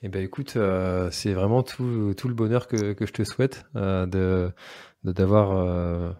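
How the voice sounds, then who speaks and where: A man hosting a relaxed podcast chat, with a low, warm, mellow voice. He asks his questions haltingly, with plenty of fillers, and the sound is dry and close. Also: no room sound. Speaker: podcast host. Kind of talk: casual podcast interview.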